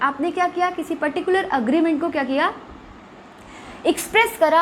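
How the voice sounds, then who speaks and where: A woman, teaching English vocabulary to students in a classroom-style lesson, asking rhetorical questions and reading examples slowly. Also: high voice, a little hiss or hum. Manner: slow, spelled-out English examples with Hindi explanation. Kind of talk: classroom lesson explaining words.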